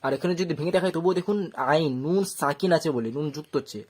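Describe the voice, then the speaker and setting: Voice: mid-range voice, fast talker, a little mellow. A Quran reading teacher giving an online lesson, explaining step by step with patience and drawing out each letter sound at length when reciting.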